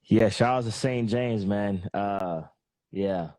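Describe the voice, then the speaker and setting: A podcast host with a fairly low, slightly mellow voice speaks slowly over a remote call microphone, and the recording sounds dry. His casual interview chat is laid-back and friendly, peppered with plenty of fillers.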